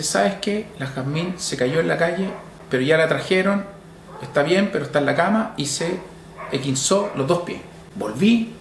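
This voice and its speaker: Middle-aged Chilean man, slow reflective testimony, gravelly texture, roomy echo. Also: on the high side, slight background noise. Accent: Chilean Spanish. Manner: slow and reflective, with many pauses and restarts. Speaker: grieving father telling his story. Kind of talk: personal testimony.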